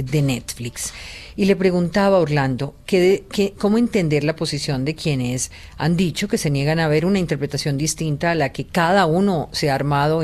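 A woman hosting a radio panel, moderating briskly and announcing the break and return. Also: sits low, darkish tone. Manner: brisk, moderating, short acknowledgements. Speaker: radio host.

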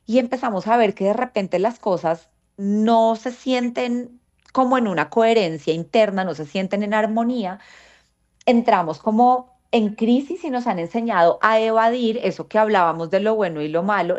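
A woman's voice: medium pitch, moderate pace. Reflective woman, lo-fi sound. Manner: reflective, asks herself rhetorical questions. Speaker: guest speaker. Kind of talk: conversational podcast explanation. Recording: dull lo-fi sound.

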